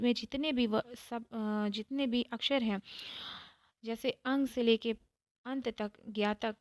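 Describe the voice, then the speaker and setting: A woman giving a calm devotional talk, explaining step by step and repeating phrases for emphasis. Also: a little high, no room sound. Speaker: spiritual teacher.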